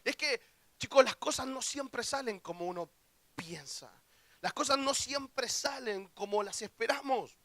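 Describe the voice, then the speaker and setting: A young man with a Rioplatense Spanish accent preaching a lively youth camp sermon, acting out quoted voices and joking with the audience. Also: very high-pitched, a little slow, no echo. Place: church hall.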